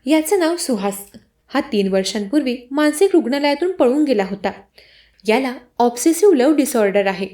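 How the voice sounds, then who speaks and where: A woman voicing a male police inspector who calmly explains the facts of a case. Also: very high-pitched, moderate pace. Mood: explaining. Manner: matter-of-fact, explaining.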